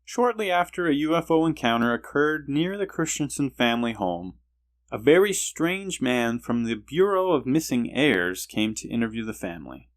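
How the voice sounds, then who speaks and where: A man's voice: medium pitch, very animated, normal speed. A man hosting a podcast, telling a story and musing aloud, often hesitant and repeating himself as he thinks. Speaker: podcast host. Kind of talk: casual solo podcast storytelling.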